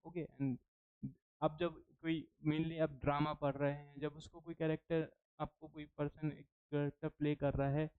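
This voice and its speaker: A man's voice: a little high, little pitch movement, normal speed, clear, resonant tone. A man with an Indian English accent giving an exam-prep phonetics lecture, switching between Hindi and English and repeating words to drill them. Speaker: English teacher. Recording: dull lo-fi recording.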